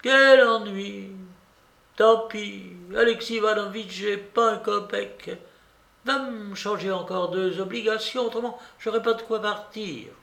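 A bossy, hot-tempered old grandmother, put on by a male reader, barks orders in a shrill, raised voice. Her scolding rings out in a roomy, echoing space. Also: fairly even intonation, unhurried, vocal fry, fairly bright tone, exaggerated voice. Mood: scolding, imperious. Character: imperious rich old Russian grandmother, quick-tempered. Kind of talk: audiobook character reading. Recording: roomy echo.

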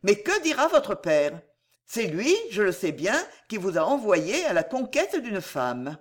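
A woman's voice: medium pitch, big pitch swings, measured pace. A woman reading aloud and voicing a witty young woman who teases and laughs easily, in a storybook reading. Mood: playful. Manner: playful, mocking, bright.

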